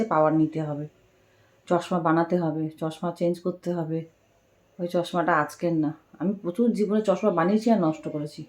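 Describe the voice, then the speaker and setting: Chatty woman, low voice. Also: a little mellow. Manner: chatty, confiding, repeats herself. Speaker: lifestyle vlogger. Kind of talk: casual chat to viewers. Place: at home. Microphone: camera set far away.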